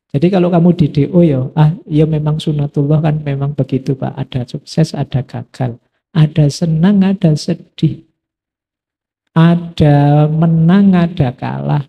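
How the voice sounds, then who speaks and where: Guy giving a relaxed philosophy talk, kinda gravelly, a bit high for a man. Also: muffled recording. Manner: relaxed conversational teaching, quoting imagined questions. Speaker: lecturer. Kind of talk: philosophy study lecture.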